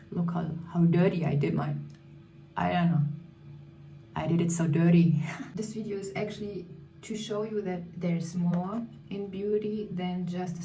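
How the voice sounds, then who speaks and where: With a fairly low, mellow voice, a woman in her thirties chats frankly while applying makeup for her beauty vlog. Her first language isn't English, and at times she searches for words. The recording has echo, a distant mic, and faint music.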